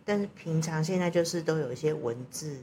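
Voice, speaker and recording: Deep-voiced Taiwanese-accented woman, halting and reflective. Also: crowd noise. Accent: Taiwanese Mandarin. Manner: halting, explanatory, drops in English words. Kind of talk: casual reflective chat.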